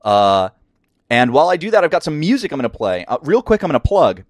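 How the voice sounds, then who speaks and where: A man's voice: on the high side, sing-song, fast, no room sound, studio quality. A man with a scratchy voice hosting a casual crafting tutorial, enthusiastic and rambling with lots of fillers, from a craft room at home. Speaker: crafting channel host.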